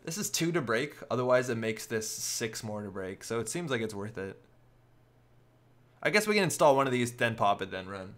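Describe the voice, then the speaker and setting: A man commentating a card game live, talking it through as he goes. His voice sits at an everyday middle pitch, and he reasons out each move in a loose, conversational way. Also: very animated, moderate pace, a bit bright. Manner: thinks aloud, working through plays step by step.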